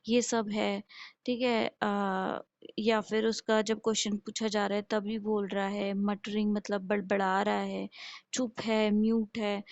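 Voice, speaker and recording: A woman's voice: mid-range voice, darkish tone, no echo. A woman nursing lecturer giving a classroom lecture, explaining step by step, posing questions and answering them herself, and checking in with her listeners. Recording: dull lo-fi recording.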